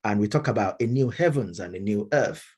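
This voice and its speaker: A middle-aged man with a Nigerian accent, giving a measured academic lecture with frequent fillers and restarts. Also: on the low side, expressive, darkish tone, husky. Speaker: Baptist minister and speaker.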